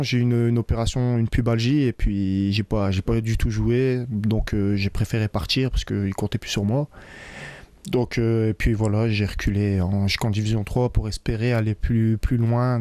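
A young man from France, a football player, answering post-match questions in a locker room, relaxed with many fillers, into a handheld mic. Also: fairly low pitch, normal speed, dry recording. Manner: relaxed, many filler sounds, loose phrasing. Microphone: interviewer's handheld mic.

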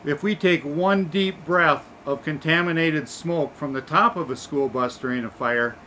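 A man who trains school transportation staff, explaining evacuation steps in a measured, instructive way outdoors. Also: on the high side, pushed and bright, slight background noise, rough recording. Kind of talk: explanatory talk at a training demo. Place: outdoors beside a school bus.

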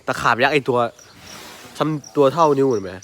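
A man's voice: mid-range voice, brisk, a little hiss or hum. A man, telling a story in casual chat with frequent exclamations. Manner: animated, exclaims often. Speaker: elephant mahout and channel host.

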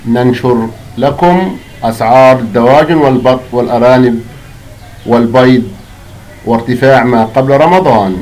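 A man with an Egyptian accent, hosting his channel and briskly reading out a long report of market prices, list after list of numbers. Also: mid-range voice, darkish tone, low-quality recording. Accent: Egyptian Arabic. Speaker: channel host.

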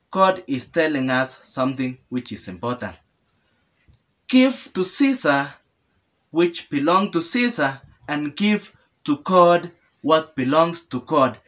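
A man's voice: on the high side, a bit bright. A young man giving an earnest sermon to camera in a small room, asking questions and answering them himself, often repeating and restarting phrases. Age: young adult. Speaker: preacher. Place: small indoor room with sofa.

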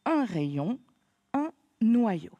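A woman teaching a phonics lesson to children, patient and encouraging, spelling out sounds slowly. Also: fairly high pitch, big pitch swings, mellow, no echo, highs cut off.

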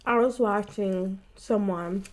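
A woman on a mukbang vlog talks to her viewers while biting into her food, chatty and easygoing. Her voice is soft and mellow, with a dark, relaxed tone. She takes her time with the words, speaking slowly between mouthfuls. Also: medium pitch. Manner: chatty, addresses viewers as y'all. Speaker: mukbang vlogger. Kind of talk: casual chat while eating.

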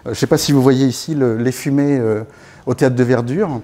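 Fifties guy telling his life story, lots of fillers n restarts, warm low tone, small room far camera. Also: a little fast. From born in Congo, raised in Africa, French parents. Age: 50s. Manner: casual, anecdotal, many fillers and restarts, moves and gestures while talking. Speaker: guest speaker at a networking evening. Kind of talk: personal storytelling talk. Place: small meeting room with window blinds.

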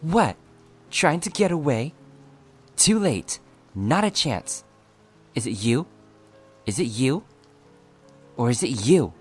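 Brief: shrill crazed ghost woman, as a male reader puts her on, loud and piercing, storybook. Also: big pitch swings, slow pace, pauses often, breathy edge, faint music behind, exaggerated voice. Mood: hysterical. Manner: shrill accusing screams.

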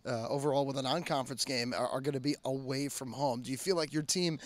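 A man's voice: mid-range voice, fast talker, dry recording. A man in his thirties, a sports interviewer, asking long, detailed postgame questions on a floodlit field at night, with frequent "uh" fillers. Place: outdoor soccer field at night under floodlights. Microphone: handheld mic.

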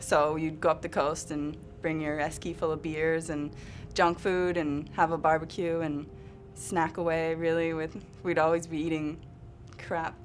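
A woman's voice: low-pitched, flat delivery, measured pace, slight background noise. A woman in her twenties with an Australian accent, chatty and self-mocking in an interview. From Western Australia. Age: 20s. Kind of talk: interview testimony.

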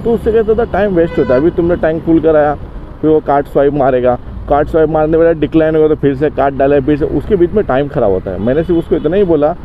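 A young man vlogging outdoors beside a highway petrol pump, chatty and blunt, swearing when annoyed. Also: quick pace. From Mumbai. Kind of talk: casual vlog narration and roadside argument. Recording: muffled outdoor recording with traffic noise.

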